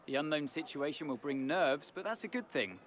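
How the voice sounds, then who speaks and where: A man voicing a former racing driver working as co-commentator in a video game, explaining in a measured, thoughtful way. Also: on the high side, expressive, fairly bright tone, a little hiss or hum. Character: calm male ex-driver pundit.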